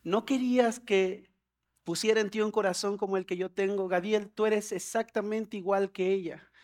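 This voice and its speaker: A man playing God in a sermon, replying to a complaining prophet in a slow, lower, matter-of-fact voice. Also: fairly even intonation, a little mellow, lightly acted. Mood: calm, matter-of-fact.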